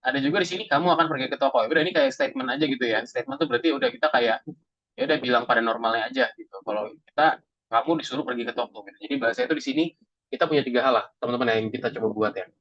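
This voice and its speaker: A man's voice: mid-range voice, very fast, no echo, highs cut off. A man teaching a class in a chatty way, asking the students questions and addressing them as friends. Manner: chatty, asks the class questions, says "teman-teman" often. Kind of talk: classroom lesson.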